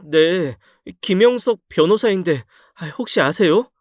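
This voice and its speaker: A man voicing a distraught young wife in a spoken story drama, shrill and emotional. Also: lively intonation, a little slow, no echo, clean studio sound. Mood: anxious.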